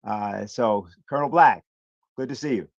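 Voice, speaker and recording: A man moderating a panel, giving polite, brisk introductions. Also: mid-range voice, gravelly, dry recording. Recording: dry dull lo-fi sound.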